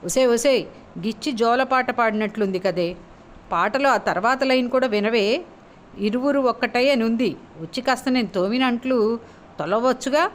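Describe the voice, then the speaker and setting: A woman's voice: on the high side, fairly quick, slight background noise, close to an everyday voice. A woman voicing an overworked, henpecked husband in a spoken story, grumbling and exasperated.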